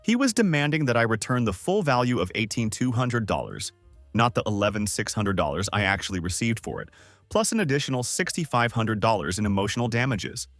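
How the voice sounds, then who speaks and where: A man's voice: lowish voice, sing-song, brisk, a bit bright, no room sound, soft background music. A man narrating a scripted first-person story in a dry, sardonic manner.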